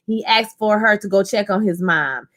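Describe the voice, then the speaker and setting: A woman in her thirties from Louisiana, with a New Orleans accent, live-streams a review of a TV episode, speaking at medium pitch and normal speed. She chats casually and animatedly with her live-chat viewers, calling them "y'all."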